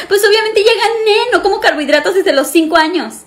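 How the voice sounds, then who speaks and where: Comedy skit role: shrill, vain young woman, acted by a woman, highly dramatic, very high voice. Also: moderate pace, roomy sound. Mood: excited. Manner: dramatic, shrieking.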